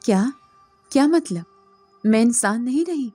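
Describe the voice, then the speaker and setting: A woman's voice: a little high, expressive, dark tone, faint music behind, voice pushed up. A woman voicing a frightened young woman who pleads with a trembling voice in a horror story.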